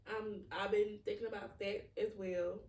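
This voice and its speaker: A woman's voice: medium pitch, level tone, moderate pace, a little mellow, distant mic. A woman, hosting a podcast and talking through her feelings in a candid, rambling way, full of "like" fillers. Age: 20s. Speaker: podcast host. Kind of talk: reflective personal monologue. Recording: roomy echo, voice from off-mic.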